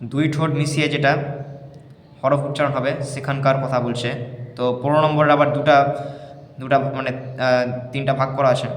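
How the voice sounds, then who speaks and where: A man teaching letter pronunciation step by step, repeating each sound again and again as he demonstrates it. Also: mid-range voice. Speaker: Quran recitation teacher. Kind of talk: slow step-by-step pronunciation lesson. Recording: roomy echo with long reverb.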